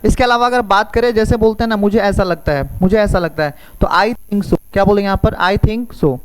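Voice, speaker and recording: A man teaching a spoken English lesson, repeating each phrase slowly and quizzing the listener with questions. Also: sits high, background noise. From India.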